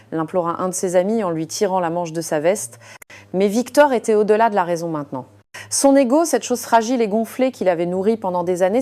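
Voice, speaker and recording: A woman's voice: fairly low pitch, dark tone. A woman narrating a dramatic story, hesitating often with fillers between phrases.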